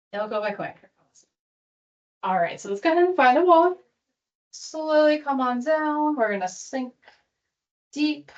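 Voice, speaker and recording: A woman's voice: a little high, a little mellow, dull audio. A woman leading an exercise class as instructor, giving cues and countdowns in an encouraging, peppy manner. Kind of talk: workout coaching with cues and countdowns.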